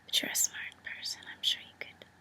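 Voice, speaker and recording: A woman playing a cool, calculating female mobster in a whispered role-play, breathy, teasing and condescending, delivering a friendly threat. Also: a little fast, bright, forceful tone. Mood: veiled threat.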